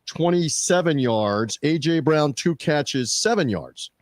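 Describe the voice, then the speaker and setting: A man hosting a sports media podcast, chatting casually with fillers and quick restarts. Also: fairly high pitch, animated, no echo. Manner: conversational, fillers and restarts, reads out show plugs.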